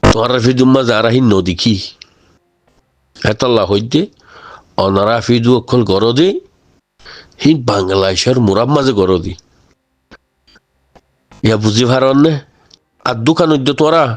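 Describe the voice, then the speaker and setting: A man's voice: medium pitch, unhurried, long pauses. Rohingya-accented man making an informal, exhorting address. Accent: Rohingya, close to Chittagonian. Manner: exhorting, with repeated rhetorical check questions. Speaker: speaker addressing his community.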